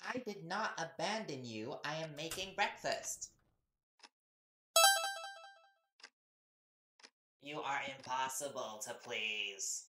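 A man plays an easygoing young reporter boyfriend in an audio roleplay, teasing casually with playful stubbornness in a playful, fond mood. His voice is a little high, expressive and a little slow, set against a noisy background.

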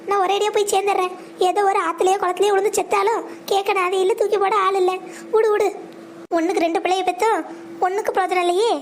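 A woman voicing a sly, shrill old grandmother. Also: slight background noise. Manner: melodramatic wailing, crafty asides. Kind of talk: Tamil cartoon skit voice acting.

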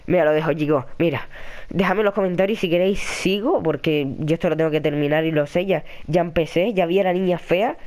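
A man with a Spain Spanish accent, commentating a horror game and chatting with viewers in a jumpy, excitable way. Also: on the high side. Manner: jumpy, excitable, yelps and shrieks when startled; chatty, talks to viewers and a friend in the room. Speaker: gaming commentator. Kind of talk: horror let's-play commentary.

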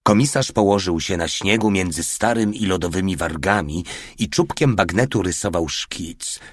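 Male audiobook narrator, low voice, steady, dry close mic. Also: normal speed, dry recording. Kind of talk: scripted narration.

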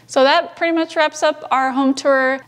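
A woman casually narrating a tour of her family's farmhouse, chatty and relaxed. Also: sits high, moderate pace. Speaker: homesteading vlogger.

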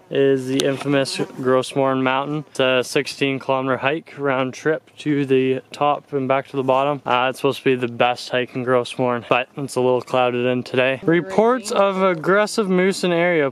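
On outdoor trails and coastal lookouts, a young travel vlogger talks cheerfully into a camera he holds at arm's length mid-hike. He has a smooth, mid-range voice.

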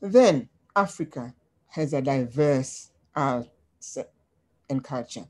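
A woman from Tanzania presenting slides on a webinar in a measured way, with frequent ums, over a video call. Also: a bass voice, expressive, a little mellow.

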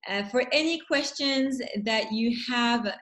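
A woman with a French accent, a festival founder introducing guests on a video call, talking with many pauses and fillers. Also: on the high side, poor audio. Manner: hesitant, many fillers, warm welcoming. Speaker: festival founder hosting a panel.

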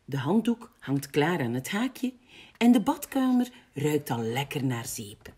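Woman, library storyteller, slow and lively, breathy, gentle reading. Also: deep voice. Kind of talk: reading a picture book aloud.

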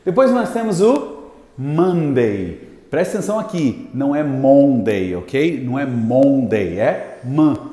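A man teaching an English lesson to camera, energetic and slowing down to model each word. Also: a little high. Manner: lively, slows down to model English words. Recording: echoey room with long reverb.

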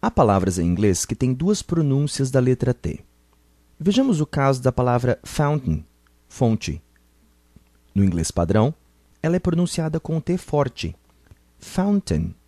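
A man gives a slow, scripted pronunciation lesson in a mellow, warm voice. The recording is dry and close, with no room sound. He models each example word deliberately, as if for students repeating after him. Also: medium pitch, very animated, no echo. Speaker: English pronunciation teacher.

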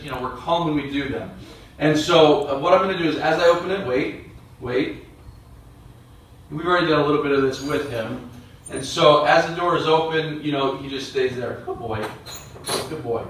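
A man with a fairly high voice gives a calm dog training lesson, explaining each step as he works. The sound is very echoey and taken from a distance, as if the camera sits across a large bare room. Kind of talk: instructional demonstration.

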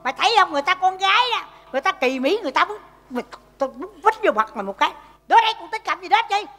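An actress playing a bossy, scolding mother of beggar children in a stage comedy sketch, shrill and dramatic. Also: animated, racing, sharp tone, long reverb tail, heavily acted.

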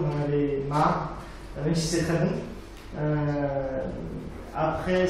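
A man's voice: sits high, a little mellow. A man in his thirties gives a live startup demo on stage, conversational, with many fillers and frequent "d'accord?" check-ins. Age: 30s. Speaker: startup founder presenting a demo. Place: university event hall, on stage. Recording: echoey hall, somewhat far from the mic, faint room noise.

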